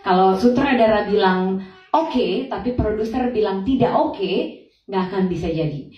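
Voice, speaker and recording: A young woman giving a church testimony, telling her story in a lively way and acting out the dialogue for the congregation. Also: mid-range voice, unhurried. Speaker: testimony speaker. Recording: echoey hall, far from mic, dull.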